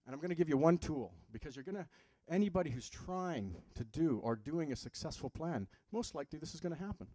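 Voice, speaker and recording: Fast and animated with few pauses, this man's fairly high, mellow voice comes across with no room sound. He treats patients and is delivering a live health seminar, engaging listeners with questions and humor in a conversational way.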